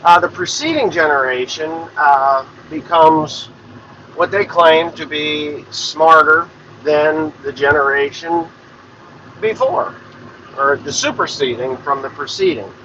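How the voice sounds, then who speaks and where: A man's voice: fairly high pitch, takes it slowly, sharp tone, a little hiss or hum. Plain-spoken farmer in his forties, muffled. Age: 40s. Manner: plain-spoken, rambling, swears freely. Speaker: farmer and podcast host. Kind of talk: casual rambling monologue.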